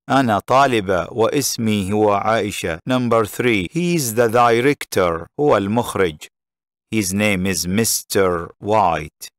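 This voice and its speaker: A man teaching from an English textbook, reading each English line slowly and then translating it into Arabic. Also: on the low side, no echo, studio quality.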